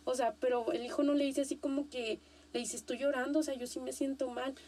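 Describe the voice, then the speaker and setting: A young Mexican woman hosting a casual podcast, animated and slangy, repeating herself for emphasis. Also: sits high, brisk. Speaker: podcast host.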